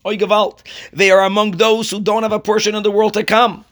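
A man giving a religious lesson as a rabbi, reading and explaining a text emphatically and deliberately, repeating key phrases for stress. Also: high voice, little pitch movement, fairly bright tone. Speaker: rabbi teaching religious law.

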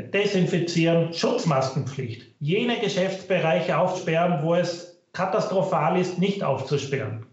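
A man speaking as a guest expert, explaining in a measured, careful way over a low-quality online stream. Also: heavy reverb, muffled recording. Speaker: guest expert, finance professor. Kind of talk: explanatory interview commentary.

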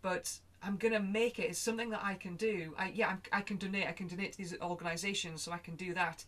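Guest speaker: earnest woman, slightly low voice, thinks aloud on a video call. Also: steady tone, quick pace, a bit bright. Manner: acts out her own thoughts in quoted asides. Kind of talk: reflective conversational talk.

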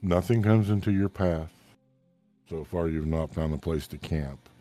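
A man running a tabletop game as game master, narrating events in a calm, measured way. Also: deep voice, soft background music.

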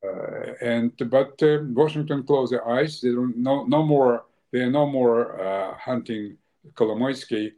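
A hesitant older guest who was born in Ukraine and came from Russia gives interview answers full of fillers and restarts. His voice sits at medium pitch, a little slow and mellow.

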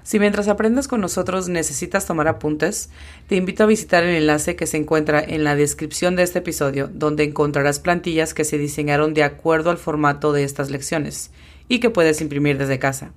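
A woman hosting a podcast lesson as an English teacher, explaining slowly and carefully and spelling words out sound by sound. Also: low voice, steady tone.

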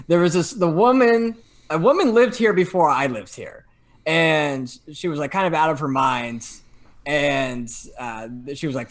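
Young man telling a rambling story. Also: medium pitch. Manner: animated, lots of fillers and restarts. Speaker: podcast guest telling a story. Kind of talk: casual chat, storytelling.

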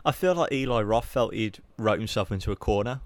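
A man's voice: on the low side, a little fast, no echo. A young man, by the sound of his talk, reviewing a horror sequel in a casual chat, candid and rambling, swearing now and then. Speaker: podcast co-host.

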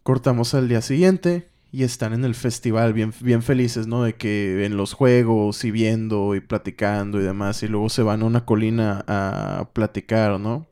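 A man's voice: fairly low pitch, normal speed, hardly any pauses, clean tone. A man, co-hosting a casual podcast and animatedly retelling a comic plot. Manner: animated retelling, acting out lines. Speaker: podcast co-host. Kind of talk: casual comic recap chat.

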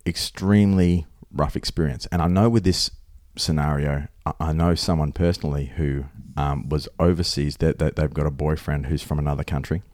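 An Australian man talks casually as a podcast co-host, with a blunt, sweary way of putting things. His voice is deep, recorded dry with no room sound. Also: steady tone, moderate pace, few pauses, darkish tone, no echo. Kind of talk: casual conversational storytelling.

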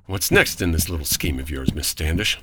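A man's voice: rumbling low, expressive, fairly quick, a bit bright, a little hiss or hum. An actor playing an exasperated, sardonic 1940s man in a noir comedy radio drama, with a dry and formal way of talking. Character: exasperated, sardonic 1940s male writer dragged into trouble.

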